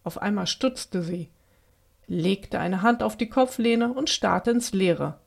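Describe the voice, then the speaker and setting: A woman telling a children's story in a gentle, expressive way. Her voice sits in a mid range and her delivery is steady and clear. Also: mid-range voice, slow. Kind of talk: children's story read aloud.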